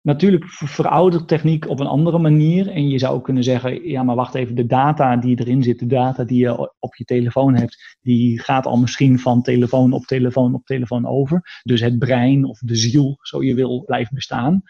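Male interview guest, dark gravelly voice, thoughtful and halting, muffled recording. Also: mid-range voice, level tone. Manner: thoughtful, hesitant with many fillers and restarts. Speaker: guest, artist and robot researcher. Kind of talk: conversational interview.

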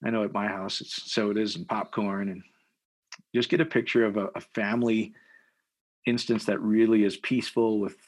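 A pastor from Iowa, a man guiding listeners through a prayer in a podcast interview, energetic and preacherly, repeating phrases for emphasis. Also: lowish voice, moderate pace. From Iowa, USA.

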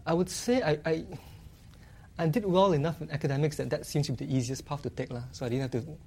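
A man with a Singaporean accent, a guest cartoonist answering interview questions in a relaxed, easygoing way. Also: on the high side, fast talker, vocal fry, slightly rough. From Malaysia. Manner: relaxed, often trailing off with "lah". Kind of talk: casual interview chat.

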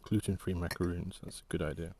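Brief: low-pitched man, relaxed vlog chatter, halting and rambling, trails off mid-thought. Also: slight background noise. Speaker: walking vlogger and artist. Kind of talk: casual rambling monologue.

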